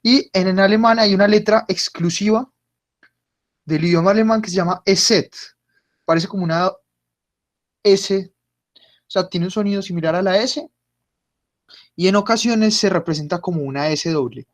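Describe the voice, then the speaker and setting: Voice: mid-range voice, normal speed, pauses often. A teacher, patiently explaining German pronunciation in an online class and repeating words for the students. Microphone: computer mic on a video call.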